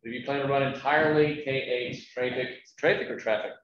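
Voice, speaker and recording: A man moderating, briskly reading out questions from the chat. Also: medium pitch, little pitch movement, a crowd in the background. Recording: very roomy, dull, faint noise.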